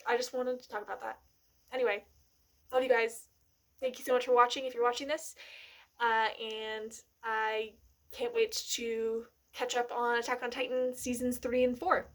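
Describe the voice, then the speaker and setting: A woman's voice: a little high, normal speed. Giggly, rambling woman vlogger. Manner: rambling, excited, full of fillers and giggles. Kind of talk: casual chat to camera.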